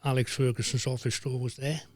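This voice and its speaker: An older man, a former referee telling lively anecdotes as a guest, dropping into voices for the people he quotes. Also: mid-range voice, fairly quick, no echo, clean studio sound. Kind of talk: anecdotal storytelling.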